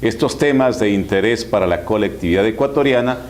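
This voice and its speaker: A man's voice: fairly low pitch, a little fast. A man presenting formally as a television interview host.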